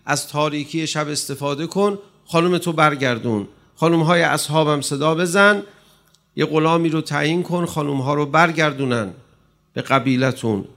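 A male preacher voicing a noble commander giving calm, measured orders at night, in a gravelly, slightly high voice. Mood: commanding.

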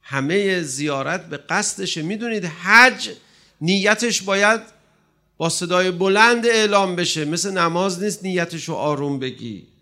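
A male preacher delivers an impassioned religious sermon, his emphasis rising and falling. His voice is high-pitched with a sharp tone.

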